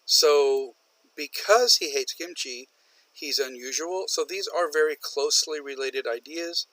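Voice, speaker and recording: A man's voice: a little high, a little slow, a bit bright, no echo, rough recording. A man lecturing a university business English class, patiently repeating and stressing example sentences. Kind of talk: recorded online lecture.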